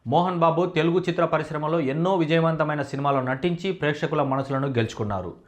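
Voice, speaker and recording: A man giving a scripted entertainment news voice-over in a steady, formal reading manner. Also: on the high side, fast.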